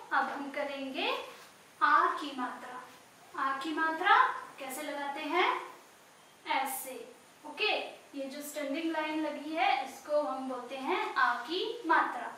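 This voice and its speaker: Woman teacher, high voice, talks slow, breaks words into syllables for little kids, mixes in english words, echoey room, mic kinda far. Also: pushed and bright, slight background noise. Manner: slow, sounds out each word syllable by syllable. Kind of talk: recorded primary school lesson.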